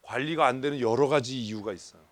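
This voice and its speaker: A man's voice: medium pitch, quick pace, dry recording. A male pastor giving a church leadership seminar talk, teasing his audience and firing questions at them. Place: church hall.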